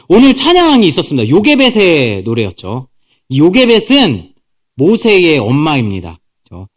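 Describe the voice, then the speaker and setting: A male pastor preaching a sermon in an animated storytelling way, acting out the characters' voices. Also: fairly high pitch.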